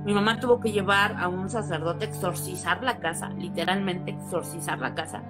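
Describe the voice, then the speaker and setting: A woman with a Mexican accent telling a personal story in casual chat, acting out quotes with sudden high exclamations. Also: fairly quick. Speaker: guest storyteller. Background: background music.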